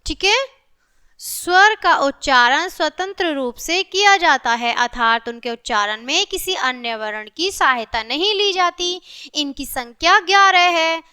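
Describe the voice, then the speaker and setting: A woman's voice: high voice, lively intonation, measured pace, pushed and bright. A woman teacher giving a patient grammar lesson to young children, often calling on them and slipping numbers into her speech. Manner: mixes English numbers into Hindi.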